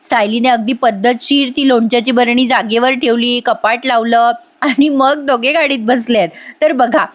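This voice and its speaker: A woman's voice: a little high, steady tone, moderate pace, few pauses, dry recording. A woman narrating a voice-over episode recap in a chatty storytelling manner, addressing viewers directly. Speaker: serial review narrator.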